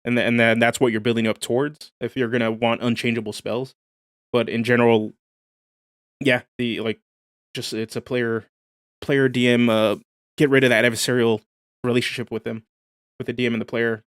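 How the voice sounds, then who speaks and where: A man's voice: medium pitch, level tone, a little fast, pauses often, dry recording, studio quality. A man hosting a livestream, talking casually and eagerly about rules for a tabletop game while reading chat aloud. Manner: enthusiastic, casual slang, reads chat aloud. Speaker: livestream host.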